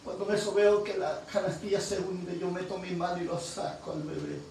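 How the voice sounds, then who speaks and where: A woman pastor delivers a fervent sermon and pushes her voice to loud, emphatic peaks. She stands away from the microphone. Her voice rings through a very echoey hall over a faint background hiss. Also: fairly low pitch, a little fast, far from the mic.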